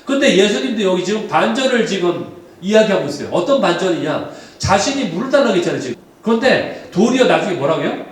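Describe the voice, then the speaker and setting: High, lively male pastor, echoey hall. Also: fast. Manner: lively storytelling, often asking the congregation questions. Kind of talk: sermon. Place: church sanctuary.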